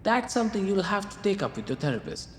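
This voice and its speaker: In a radio drama, a man plays a writer's muse who is wry and patient, coaxing and gently teasing. His high voice swoops about in a lively way at a quick pace, ringing with long reverb over faint noise.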